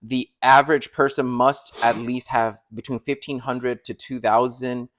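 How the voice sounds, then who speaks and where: A man's voice: mid-range voice, little pitch movement, unhurried, a bit bright, no room sound, clean studio sound. A man who grew up in Costa Rica, co-hosting a casual talk show, hedging his claims and joking at his own expense. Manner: self-deprecating, hedging. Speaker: podcast co-host. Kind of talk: casual chat.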